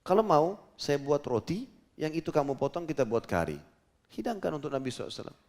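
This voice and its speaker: A man's voice: fairly high pitch, big pitch swings, fast, a little mellow. A male preacher voicing a thrifty young wife, retold in a sermon story, insistent and scolding. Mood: practical. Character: Jabir's young wife, thrifty and worried, woman.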